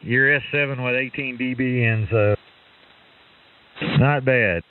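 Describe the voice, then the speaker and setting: A man's voice: medium pitch, slow. A man running a ham radio net, easygoing and folksy, calling the others brother. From Texas. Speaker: net control operator. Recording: tinny radio with loud hiss.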